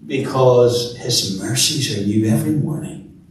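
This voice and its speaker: Slow, earnest preacher in an echoing church. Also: male voice, medium pitch. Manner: earnest, repeats words as he builds emphasis. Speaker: minister leading worship. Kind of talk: sermon. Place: large church sanctuary. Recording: echoey church from a distance.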